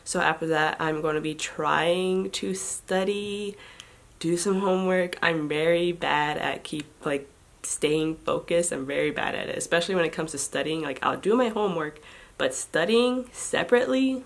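A woman's voice: low voice, moderate pace. A young woman vlogging casually from her dorm room, chatty and self-deprecating, laughing often, filmed on a phone at arm's length. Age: young adult. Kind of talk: casual vlog chat. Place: small dorm room indoors. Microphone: phone camera at arm's length.

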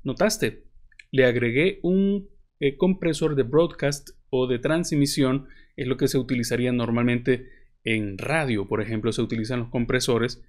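With a mid-range voice at a moderate pace, a man patiently explains podcast editing in a tutorial, often hesitating with fillers like "eh." He's recorded on a studio podcast microphone.

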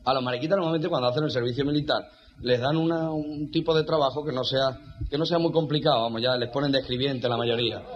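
Fast-talking joke-telling man. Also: mid-range voice. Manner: rapid, animated storytelling. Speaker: joke teller. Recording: dull lo-fi sound.

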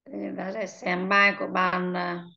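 A woman teaching an online English class who patiently drills vocabulary pronunciation, repeats each word slowly and calls on students by name, heard over slightly muffled call audio. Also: fairly low pitch, completely flat delivery, gravelly. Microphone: video call.

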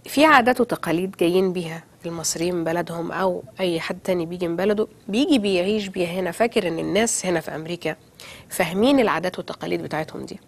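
Woman, Egyptian Arabic accent, talk show host, brisk, friendly. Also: on the low side. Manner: frequent back-channel murmurs, brisk and friendly. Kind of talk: studio talk show hosting.

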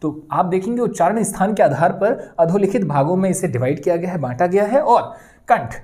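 A woman's voice: on the low side, lively intonation, brisk, mellow. A woman teaching a Hindi grammar lesson for exam students, explaining step by step, checking in with "ठीक है" and sounding out the letters. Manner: explains step by step, often adds "ठीक है" and "दोस्तों", says sounds aloud.

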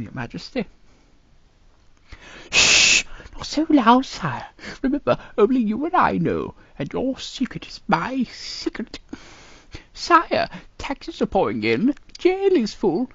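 A woman's voice: low voice, a little mellow, slightly rough, no echo, muffled recording, exaggerated voice. A woman doing a cartoon impression of a fussy, fawning male snake advisor with a hissing, sibilant, pompous delivery.

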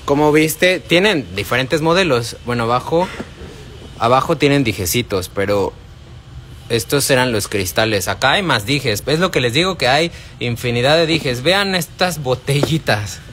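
A man's voice: medium pitch, lively intonation, normal speed, fairly bright tone. A Mexican man hosts a live shopping stream from inside a shop, speaking into a phone held at arm's length. He chats casually, greets viewers by name and answers their questions in an ordinary, mid-range voice. Faint shop noise sits behind him. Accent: Mexican Spanish. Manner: chatty, addresses viewers by name, answers chat. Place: indoors in a wholesale shop.

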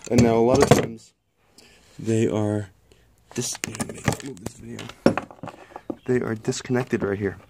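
Filming one-handed on a phone held near the work, a home mechanic at a garage workbench under a tent explains how to repair a car part in a casual how-to vlog. He's plain-spoken and a bit apologetic, with a fairly low, steady voice, unhurried delivery, vocal fry, and frequent pauses, and the audio is very noisy.

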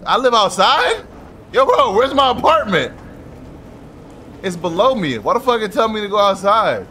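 A man's voice: a little high, sharp tone, a little hiss or hum. A man giving casual, joking commentary while playing a video game, swearing a lot, using slang and talking to the characters on screen. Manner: talks to game characters as he plays. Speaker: gaming video creator.

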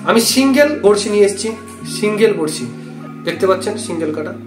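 Young man, West Bengal Bengali accent, quick earnest tutorial talk, echoey room, music behind. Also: sits high, expressive. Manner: repetitive, earnest instructional talk. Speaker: fishing channel host. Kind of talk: bait recipe tutorial. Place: small indoor room.

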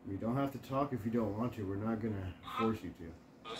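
A man in his forties with a fairly low voice co-hosts a ghost-hunting video. He talks casually and puts short questions to spirits without hurry. The room is echoey, with loud noise around his voice. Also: fairly quick. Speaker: co-host of a paranormal investigation video. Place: living room at home, indoors. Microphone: camera a few feet away. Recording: roomy echo with loud noise. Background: loud noise from a spirit box session.

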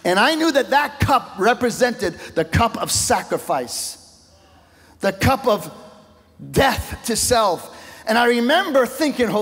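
Guy preaching, pretty high voice, gets loud then drops way down, big church echo. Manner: impassioned preaching, voice swelling and dropping low. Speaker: pastor. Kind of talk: sermon. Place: church sanctuary. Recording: long echo of a large church hall.

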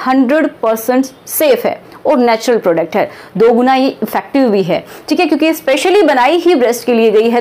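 A woman's voice: a little high, darkish tone. A woman presenting a beauty product in a conversational explainer, often checking in with her listeners as she goes. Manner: chatty, keeps checking in with listeners. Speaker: product presenter and health adviser.

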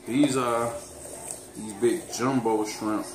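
With a camera mic resting on the counter, a man in his thirties, a fitness vlogger, casually demonstrates a dinner recipe in his home kitchen alongside his daughter. He teases and talks directly to viewers in a steady, mid-range voice, unhurried. Echo and loud background noise fill the recording.

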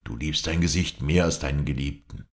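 A man's voice: rumbling low, brisk. A man voicing a young sculptor, a jilted lover speaking in bitter, proud accusations.

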